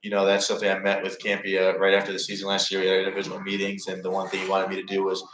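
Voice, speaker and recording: Low, flat-voiced young athlete guest. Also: male voice, very fast. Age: young adult. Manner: low-key, steady, polite. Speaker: college basketball player guest. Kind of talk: sports radio interview. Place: sports bar, indoors. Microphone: table mic. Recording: roomy bar sound.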